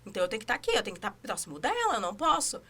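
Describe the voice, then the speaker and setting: A woman's voice: a little high, wildly swooping pitch, very fast, a bit bright. A young woman chatting as a podcast guest, telling stories animatedly and acting out her own inner voice. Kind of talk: casual podcast chat.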